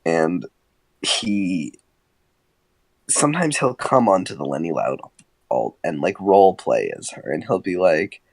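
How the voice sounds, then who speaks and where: This is a man with a low voice that swings widely as he recounts stories on a casual podcast. He laughs often and swears freely. The sound is dry and close. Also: sing-song, a little slow, gravelly, pauses often, dry recording. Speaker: podcast co-host. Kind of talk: casual storytelling chat.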